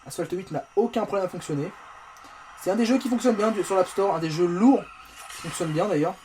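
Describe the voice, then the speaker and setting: A man's voice: sits high, brisk. A man reviewing a phone, chatting casually while he plays games on it, with self-mocking asides. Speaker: tech reviewer. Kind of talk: casual game-testing commentary. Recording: faint background noise.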